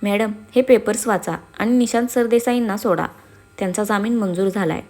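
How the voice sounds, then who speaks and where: A woman reads a serialized story aloud at a medium pitch. She voices every character's dialogue herself without changing much from her own tone. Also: fairly even intonation, normal speed, a little mellow.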